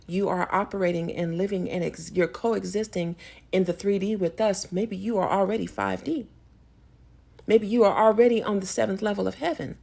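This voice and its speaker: A woman's voice: mid-range voice, gravelly, a little mellow. A woman vlogger delivering a spiritual rant, emphatic and preachy, rambling with frequent restarts.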